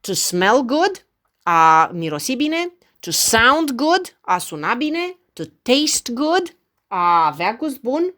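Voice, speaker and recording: A woman teaching an online English lesson. She says English example sentences slowly and clearly, then translates them. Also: fairly high pitch, sing-song, pushed and bright.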